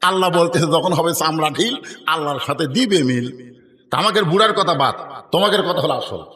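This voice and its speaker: A man's voice: a little high, fairly quick, pushed and bright, long reverb tail. A man from Bangladesh, telling stories in a sermon and calling on the crowd to answer aloud. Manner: storytelling preacher who keeps calling on the crowd to answer aloud. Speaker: preacher. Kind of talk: sermon at an open-air religious gathering.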